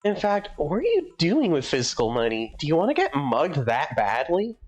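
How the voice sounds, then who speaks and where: A streamer voicing a sarcastic woman bartender who answers in a dry, deadpan way, in live fan voicing of a game. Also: mid-range voice, moderate pace, highs cut off, faint music behind. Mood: scolding.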